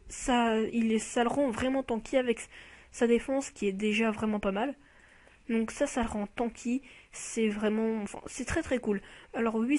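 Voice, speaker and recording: A woman with a fairly high voice talks through a game card in a relaxed, unscripted commentary. She is chatty and keen, stumbling over her words and filling pauses as she thinks aloud. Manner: hesitant, with many fillers and restarts; chatty and enthusiastic about the card. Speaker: YouTuber reviewing a mobile game card. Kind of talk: casual spoken game commentary.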